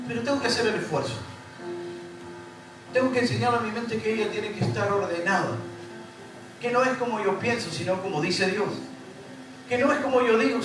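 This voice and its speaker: Preaching in a church hall, a Uruguayan pastor with an extremely high-pitched voice and a Rioplatense Spanish accent repeats phrases and builds emphasis while addressing his congregation directly. The recording is echoey and distant, with music in the background.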